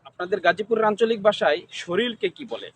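Interviewer, man, high voice, repetitive formal questions. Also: brisk, fairly bright tone, a little hiss or hum.

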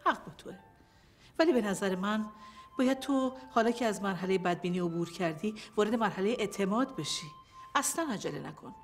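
A sweet-talking lady therapist in a film drama, acted by a woman, gentle and coaxing with her patient. Her voice sits in an everyday middle pitch with faint music behind it. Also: natural voice. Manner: soothing, coaxing therapist talk. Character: middle-aged female therapist, sweet-talking but scheming. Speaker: psychologist. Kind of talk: film acting.

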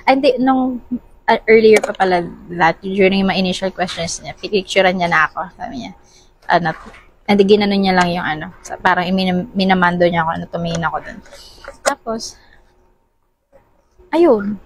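A woman's voice: medium pitch, normal speed, long pauses, a little hiss or hum, rough recording. A woman with a Filipino accent telling a story in casual vlog chat, often laughing and acting out the dialogue. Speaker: vlogger. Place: airport departure area.

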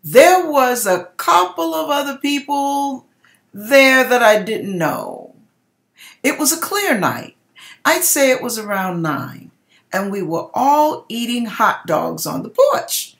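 Recorded in an echoey home kitchen, a middle-aged online host gives dramatic readings and commentary, telling stories theatrically and with emphasis. Her fairly bright voice is a little high, sing-song, slow, and creaky.

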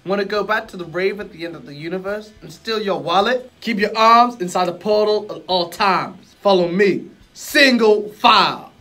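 A man's voice: high-pitched, moderate pace, pushed and bright. A man voicing a laid-back, streetwise male genie, speaking in a put-on American accent with chummy slang, recording lines for a comedy. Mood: teasing. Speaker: voice actor.

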